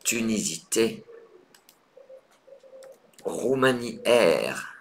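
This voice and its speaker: A man's voice: on the low side, sing-song, vocal fry, a little hiss or hum. A man hosting a live online Scrabble lesson, patiently explaining moves and thinking aloud with hesitations. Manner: counts points aloud briskly. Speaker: Scrabble teacher.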